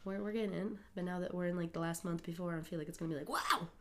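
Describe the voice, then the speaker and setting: Rapid-fire and bubbly, this young Minnesotan podcast co-host chats casually, dropping in plenty of fillers while her cold leaves her nose stuffed up. Her voice is on the low side, with a steady, dark tone.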